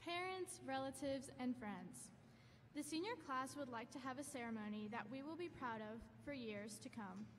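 Student speaker, woman, careful formal reading at a podium; high-ish voice, long gym echo. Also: normal speed, slight background noise. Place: large school gymnasium. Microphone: podium microphone through hall speakers. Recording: echoey gym from far off.

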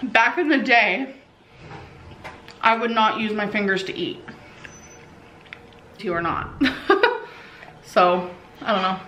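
A woman's voice: mid-range voice, takes it slowly, pauses often, pushed and bright, roomy sound, slight background noise, low-quality recording. A woman vlogger talking casually to her viewers, chatty and confessional, with plenty of filler words. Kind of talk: casual vlog chat.

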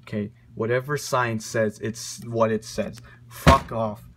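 A man's voice: on the low side, steady tone, slow, very noisy. A man in a profane comedic rant, exasperated and mock-outraged, swearing often. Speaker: online video ranter.

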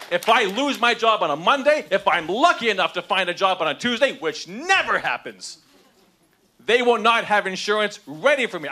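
His voice is high-pitched, pushed, and bright. At a crowded town hall in a big indoor meeting room, this man in his thirties takes a handheld mic and angrily confronts his congressman, his impassioned speech swelling with emotion.

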